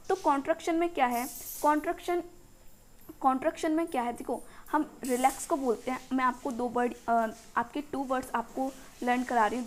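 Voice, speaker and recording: A young woman teaching a biology lecture. She keeps asking and answering her own questions and reads English textbook lines slowly before explaining them. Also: sits high. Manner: repeats "ठीक है ना" often, asks and answers her own questions. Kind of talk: classroom lecture explaining in Hindi.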